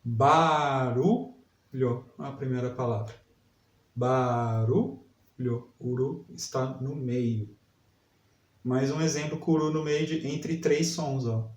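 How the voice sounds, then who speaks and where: A man teaching a literacy lesson, sounding out syllables slowly and repeating each word. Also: mid-range voice, steady tone, dark tone, far from the mic. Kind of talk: slow spelling lesson for adult learners. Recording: echoey room, voice set back from mic.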